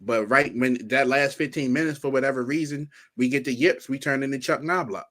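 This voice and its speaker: A man's voice: medium pitch, brisk, fairly bright tone. A man recapping game possessions one by one in a casual sports talk.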